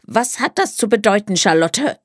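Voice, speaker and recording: A woman reading a storybook voices a stern, gruff elderly grandmother who scolds sharply. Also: mid-range voice, animated, normal speed, no room sound, clean studio sound, natural voice. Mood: barking. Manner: curt, scolding.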